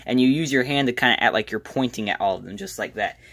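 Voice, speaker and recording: A man's voice: medium pitch, quick pace, fairly bright tone. A man presenting a casual, step-by-step magic tutorial in an informal, self-deprecating way.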